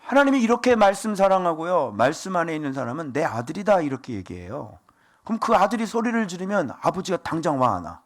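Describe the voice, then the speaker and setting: A man preaching a sermon as pastor, animated and asking the congregation rhetorical questions. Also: on the high side, fast talker.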